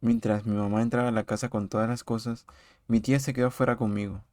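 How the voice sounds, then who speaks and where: A man calmly narrating a true horror story in a measured, scripted way. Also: mid-range voice, dry recording, clean studio sound.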